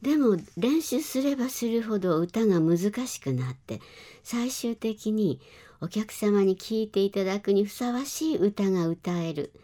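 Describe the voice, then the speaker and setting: A woman's voice: mid-range voice, expressive, unhurried, dark tone. A woman cram school teacher speaking politely and formally as a guest on a radio talk program.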